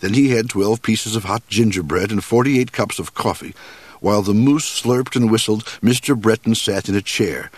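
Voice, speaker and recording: Storybook reader, man, low husky voice, very lively intonation. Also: no echo. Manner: expressive, measured reading. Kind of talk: reading a children's storybook aloud.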